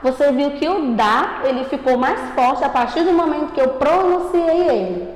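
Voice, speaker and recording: Brazilian woman, primary teacher, high voice, drawn-out and emphatic, taped remote lesson with a ringing echo. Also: lively intonation. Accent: Brazilian Portuguese. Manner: slow, emphatic, stretches out syllables; asks questions and answers them for the class. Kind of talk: recorded remote grammar lesson for children. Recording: echoey room with long reverb.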